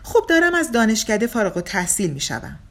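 A woman's voice: on the high side, sing-song, a bit bright, pitched above the performer's own voice, exaggerated voice. A woman voicing a cheeky, easygoing young male ex-surfer who jokes about himself, in an audiobook reading. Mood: breezy joking. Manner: breezy, joking, self-mocking.

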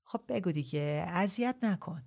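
A woman voicing a young husband who speaks in a low, hushed, slow and wheedling way, leering and insistent. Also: fairly even intonation.

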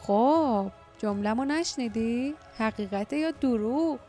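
A woman voicing a brave young man in danger, speaking in a high, urgent and pleading voice. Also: expressive, mellow, faint music behind, natural voice. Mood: defiant. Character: desperate brave young male hero.

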